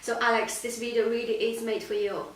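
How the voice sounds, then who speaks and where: Bubbly lady host, kinda high voice, lots of giggles and ums, far from mic in a super echoey room. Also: little pitch movement, fairly quick. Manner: giggly, many fillers. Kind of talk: casual lesson chat. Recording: roomy echo, distant mic, faint hiss.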